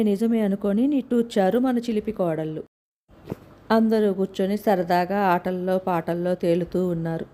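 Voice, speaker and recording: A woman's voice: medium pitch, dark tone. A woman narrating a serialized family story and reading all the characters' lines in her own voice with only small changes. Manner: reads every character's lines in her own voice, lightly varied.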